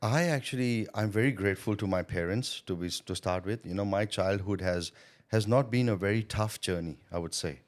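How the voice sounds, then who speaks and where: A middle-aged Thai man with a fairly low, slightly fast voice appears as a podcast guest. He's a sales consultant telling his story in a casual interview, reflective and chatty, often checking in with "you know" and "right?".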